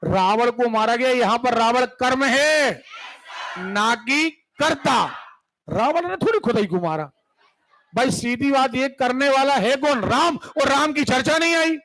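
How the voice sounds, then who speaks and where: A man's voice: very high voice, expressive, a little slow, fairly bright tone, poor audio. A man teaching a Hindi grammar lesson for exam preparation, with a Madhya Pradesh Hindi accent, casual and joking, who keeps asking his students whether they have understood. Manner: asks students frequent check questions.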